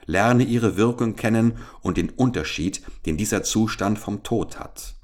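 A man reads a haughty, ancient male scientist-king from a storybook, solemn and imperious. His voice sits very low and heavy. He speaks like someone long used to ruling over others. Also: a little slow, darkish tone. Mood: menacing. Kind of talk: audiobook character reading.

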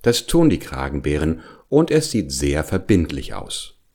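A man narrating a children's storybook in an unhurried, expressive way. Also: rumbling low, breathy edge.

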